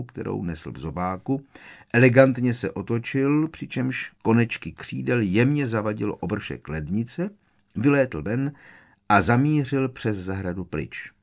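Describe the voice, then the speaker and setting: A man reading a story aloud as narrator, in a measured, dramatic way. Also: on the low side. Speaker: audiobook narrator. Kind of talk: scripted narration.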